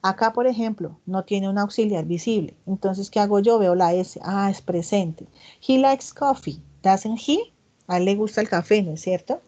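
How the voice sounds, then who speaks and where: An English tutor teaches grammar in an online class, explaining step by step and frequently checking in with students. Her mid-range voice is steady and mellow, and she reads example sentences slowly and with emphasis.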